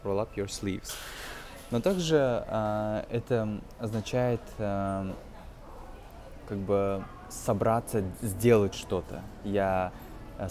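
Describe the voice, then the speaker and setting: His voice is lowish with a dark tone, and a little hiss or hum can be heard. The speaker, an English teacher in his twenties, explains hesitantly phrase by phrase during an informal lesson that uses a film.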